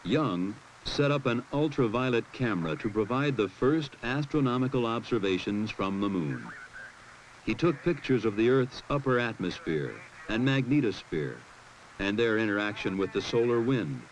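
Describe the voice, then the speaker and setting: A man's voice: mid-range voice, expressive, moderate pace, slight background noise, rough recording. A man reading scripted documentary narration.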